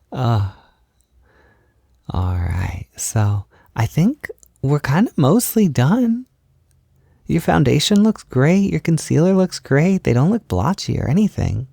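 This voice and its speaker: In an intimate, softly spoken ASMR-style roleplay, a man plays a gentle, reassuring boyfriend doing a beginner's makeup, fully in character. His soft, fairly high voice is relaxed and mellow, with a noticeable creak, often drifting toward a whisper. He talks casually and soothingly, and the recording is very dry and close, with no echo.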